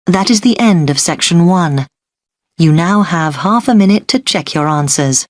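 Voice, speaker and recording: A woman reads formal exam instructions as an announcer. Her voice sits a little low, the delivery is measured and instructional, and the recording is dry and close. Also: expressive, no room sound. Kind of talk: formal scripted test instructions.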